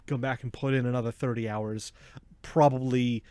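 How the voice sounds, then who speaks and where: A man's voice: medium pitch, steady tone, normal speed, a little mellow, clean tone, no room sound. A man co-hosting a casual gaming podcast, chatting playfully and joking with his co-host. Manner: playful, jokey, reads ad copy with mock drama.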